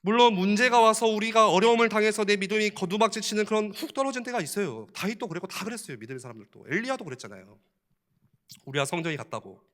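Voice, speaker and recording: A man's voice: high-pitched, lively intonation, fast talker, a bit bright. A male pastor preaching a sermon in a church, in a conversational style, asking the listeners many questions and chuckling often.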